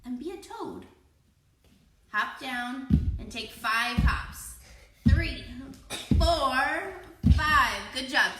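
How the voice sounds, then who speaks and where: A young woman leading a children's yoga class, giving playful, encouraging step-by-step cues in a slow, easy rhythm. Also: a little high, animated, bright, forceful tone, recorded from a distance, a little hiss or hum. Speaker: kids yoga teacher. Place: room with children. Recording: echoey room, voice from afar.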